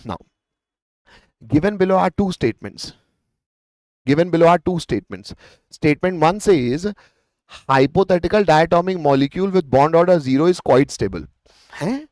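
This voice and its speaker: A man's voice: on the high side, a little mellow, no room sound. A man with an Indian accent teaching a live online revision lesson in an encouraging, coaching manner, dropping Hindi words into his English and addressing students directly. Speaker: chemistry teacher.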